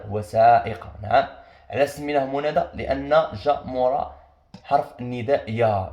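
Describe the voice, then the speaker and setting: Fast-talking Moroccan man teaching grammar. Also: medium pitch, darkish tone. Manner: asks questions then answers them himself, repeats key points. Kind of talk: exam-prep grammar lesson. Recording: echoey room.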